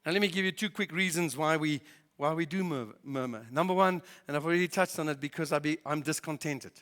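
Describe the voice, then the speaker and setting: A man preaching a sermon as pastor, in a lively conversational way with many fillers. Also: on the high side, fairly quick. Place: barn church hall. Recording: reverberant church hall.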